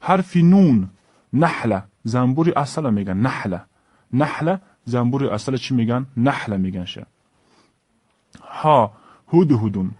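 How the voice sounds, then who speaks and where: Brief: male teacher, Tajik accent, slow drill voice, dry close sound. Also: mid-range voice, lively intonation, darkish tone, dry recording. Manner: slow, repeats each word, stresses letter names. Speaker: Arabic teacher. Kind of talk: alphabet lesson.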